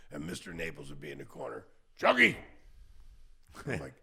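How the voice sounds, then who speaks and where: A man hosting a podcast who tells stories in a casual chat and acts out quotes loudly. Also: very deep voice, animated, racing. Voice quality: gravelly, husky voice. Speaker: podcast host and bar owner.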